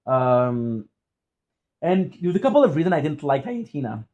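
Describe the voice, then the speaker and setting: A man with a French accent telling personal stories in a casual, rambling vlog style, often halting to repeat and correct himself. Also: a little high, very animated, a little mellow, muffled recording. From France or French-speaking region. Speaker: content creator.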